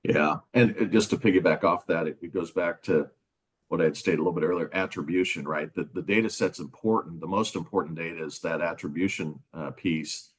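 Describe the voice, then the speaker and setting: A man's voice: low voice, a little fast, breathy edge. A middle-aged man, a sales executive, speaking in a casual conversational way on a webinar panel. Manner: conversational, folksy, with fillers.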